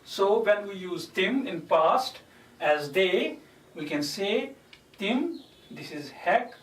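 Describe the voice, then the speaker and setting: Guy teaching a language lecture, talks real slow and says examples over and over, echoey room, far from the mic. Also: high voice, lively intonation, a bit bright. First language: Kashmiri. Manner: repeats each example word by word while explaining. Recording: roomy echo, mic far off.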